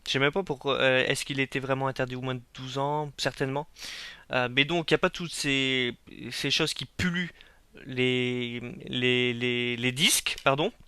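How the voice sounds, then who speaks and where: Reviewing a limited edition he collected, a young man from France delivers a blunt, critical unboxing full of repetition, fillers and hesitations. His medium-pitched voice is bright, forceful, clear and resonant, with fairly even intonation and a moderate pace, and the recording has no echo.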